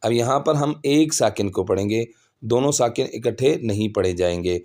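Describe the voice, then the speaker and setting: A man teaching Quran recitation in an even, mid-pitched voice. He spells out each syllable very slowly and deliberately, drawing the sounds out, then shifts to a quicker, plainer explaining tone. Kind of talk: slow spelled-out recitation lesson.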